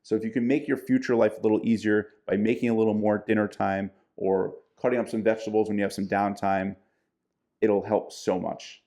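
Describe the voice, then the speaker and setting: A man's voice: lowish voice, flat delivery, brisk, warm tone. A man co-hosting a casual diet podcast, giving plain-spoken practical advice. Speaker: podcast co-host, diet coach.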